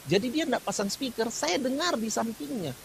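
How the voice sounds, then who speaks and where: A man preaching a sermon, telling stories with lively shifts. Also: very high-pitched, vocal fry, background noise. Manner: lively storytelling, sings worship lines slowly. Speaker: pastor.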